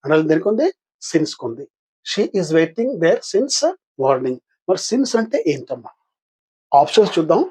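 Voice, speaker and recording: An older man with a Telugu accent, his voice a little husky and pitched somewhat high. He teaches English grammar for an exam, patiently putting questions to his listeners and then answering them himself. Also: sing-song, normal speed, warm tone. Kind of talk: exam-practice lesson.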